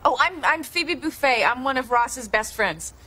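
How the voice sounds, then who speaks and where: Quirky, dreamy phone caller. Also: female voice, sits high, lively intonation, normal speed, bright, forceful tone, husky, exaggerated voice. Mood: pleading. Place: apartment kitchen, on a cordless phone. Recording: sitcom scene with laugh track.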